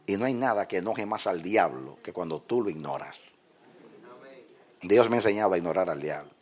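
Preacher guy, storytelling sermon, plays god and devil voices, goes quiet then loud. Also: fairly quick, husky. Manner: animated storytelling, acts out dialogue with God and the devil; swings from low murmurs to high cries.

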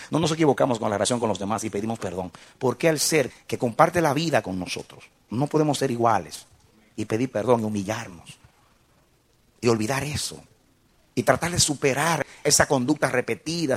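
Middle-aged man preaching, raspy tone, lively and emphatic, climbs high when stressing a point. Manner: impassioned, rising to emphatic peaks. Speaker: pastor. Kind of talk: sermon.

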